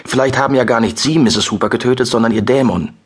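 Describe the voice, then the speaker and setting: A man's voice: medium pitch, fast, husky, pitched above the performer's own voice, close to an everyday voice. A man voicing a bull-necked guard commander in his early fifties, who talks in a cold, hissing, threatening way and drops into menacing whispers. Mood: mocking.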